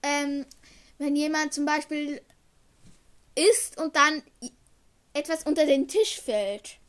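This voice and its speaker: Young girl guest on a podcast, high voice, slow unhurried talk, playful. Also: fairly even intonation. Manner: playful, teasing, breaks into loud outbursts. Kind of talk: casual podcast chat.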